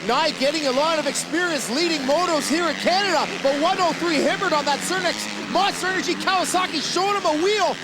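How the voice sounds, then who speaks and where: A man's voice: very high-pitched, quick pace, hardly any pauses, loud music behind the voice, rough recording. A man giving live analysis and commentary on a motocross race. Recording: loud engine noise behind voice. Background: motorcycle engines.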